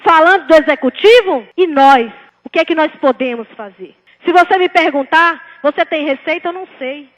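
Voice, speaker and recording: High-pitched Brazilian woman orating in a hall. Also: moderate pace, hardly any pauses. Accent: Northeastern Brazilian (Bahia). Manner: oratorical, emphatic, rhetorical questions and repetition. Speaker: city councillor. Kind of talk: impassioned political speech. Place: indoor council chamber. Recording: reverberant council chamber hall.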